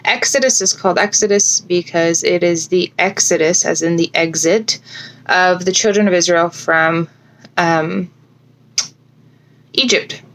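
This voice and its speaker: A woman's voice: on the low side, fairly even intonation, unhurried, fairly bright tone, poor audio. A woman, around her thirties, reflecting casually on scripture as a host, thinking aloud and correcting herself, her speech slightly thick from a swollen lip. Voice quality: slightly slurred, fat-lipped speech from a swollen mouth. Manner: informal, thinking aloud with frequent self-corrections. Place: bedroom at home.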